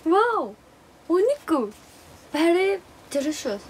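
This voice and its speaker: A hoarse young woman chatting casually on a live stream, bubbly and playful as she thanks viewers for gifts. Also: high-pitched, big pitch swings, a little mellow, low-quality recording. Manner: playful exclamations and cute drawn-out reactions. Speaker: live streamer, former idol.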